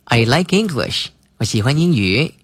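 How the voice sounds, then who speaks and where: Man teaching English words slowly. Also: mid-range voice, very animated, soft background music. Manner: spells words letter by letter and repeats phrases slowly. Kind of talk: slow vocabulary lesson.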